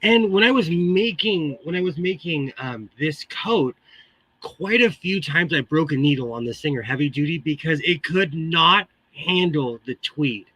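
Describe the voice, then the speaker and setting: Bright, chatty man with tinny metallic sound. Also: on the high side, expressive, a little slow, slightly rough, dry recording. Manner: chatty, exclamatory, greets viewers. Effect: tinny, metallic tin-can microphone sound. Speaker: livestream host, sewing hobbyist. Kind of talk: casual livestream chat.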